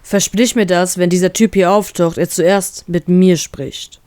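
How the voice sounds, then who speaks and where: Woman reading as a curt, gruff, short-fused young brother, fiercely protective. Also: medium pitch, very animated, normal speed, no echo, natural voice. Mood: reassuring. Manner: gruff, curt and irritated, softening when reassuring. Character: young man, protective hot-tempered older brother.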